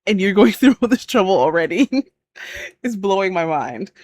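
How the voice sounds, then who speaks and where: Laughing, animated reaction host woman. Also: mid-range voice, normal speed, slight background noise. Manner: expressive, laughs often, exclamatory. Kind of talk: casual reaction commentary.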